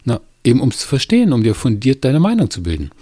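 A man voicing a stubborn, defensive man who doubts climate change, in a husky voice with dry close sound. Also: medium pitch, huge pitch swings, fast talker, warm tone, dry recording, voice pushed up. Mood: insistent. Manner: indignant, pushing his view.

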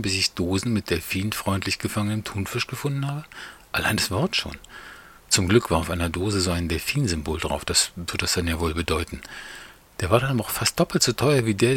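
A man's voice: fairly low pitch, a little fast, breathy edge. A man doing an exasperated, grumbling shopper. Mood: complaining. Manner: complaining, animated, a bit naive.

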